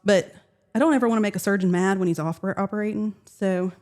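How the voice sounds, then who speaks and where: A young woman chatting as a podcast co-host. She tells her stories in a lively way and laughs often. She has a mid-range voice. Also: medium pitch, quick pace. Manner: laughing, animated storyteller. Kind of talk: casual chat.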